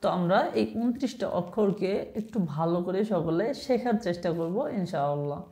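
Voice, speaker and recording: A woman leads a Quran reading lesson. She sounds each Arabic letter out slowly and keeps checking that the listener follows. The room gives her voice a noticeable echo. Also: lowish voice, expressive, mellow. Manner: patient, demonstrates letters slowly, asks "right?" often. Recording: echoey room.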